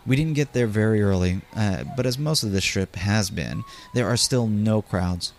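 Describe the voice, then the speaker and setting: A man's voice: lowish voice, normal speed, vocal fry, darkish tone. A man hosting a podcast, narrating personal memories in a conversational way and speaking directly to his listeners. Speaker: podcast host.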